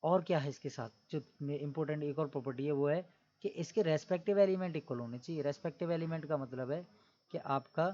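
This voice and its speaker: A man's voice: a little high, fast talker, warm tone, lo-fi sound. A man teaching maths in a classroom-style lecture, explaining step by step and asking his students questions as he goes. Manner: keeps adding the tag 'theek hai na'.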